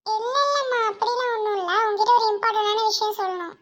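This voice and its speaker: A woman's voice: very high voice, fast. A woman voicing a college-age daughter who dreams of being a singer, pleading and tearful in a cartoon. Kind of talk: cartoon voice acting. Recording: loud background music.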